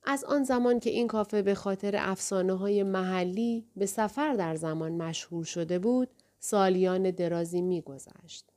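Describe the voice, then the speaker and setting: Woman audiobook narrator, warm mellow tone, calm steady delivery. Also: mid-range voice. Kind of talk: scripted narration.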